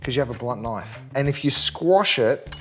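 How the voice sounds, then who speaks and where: A man's voice: medium pitch, lively intonation, normal speed, fairly bright tone. An Australian man of middle age with a mid-range voice walks viewers through a recipe in a studio kitchen. He talks in an upbeat, effusive, teacherly way. Music plays under him while a pan sizzles. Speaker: cooking show host. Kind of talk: cooking demonstration. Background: background music, sizzling pan.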